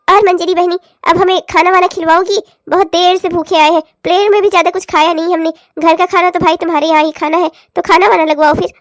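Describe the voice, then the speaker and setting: A woman's voice: extremely high pitch, little pitch movement, brisk, dry recording, studio quality. A woman voicing a chatty, gushing middle-aged aunt visiting in a cartoon. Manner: gushing, talkative.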